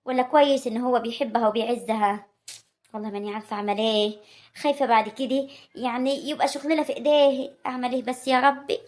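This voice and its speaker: A woman voicing a bossy, sharp-tongued older rural mother, in comic family drama. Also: a little high, fairly even intonation, quick pace, natural voice. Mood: fretting. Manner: scolding, commanding.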